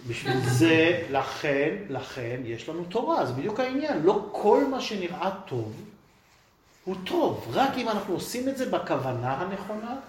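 A man's voice: high voice, very animated. A man teaching a Torah class to a live audience, speaking emphatically and asking rhetorical questions. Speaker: religious teacher. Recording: echoey room.

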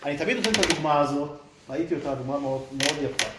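A man's voice: on the high side, heavy background noise. A man teaching a Torah class to a live audience, speaking emphatically and asking rhetorical questions. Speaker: religious teacher. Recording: echoey room.

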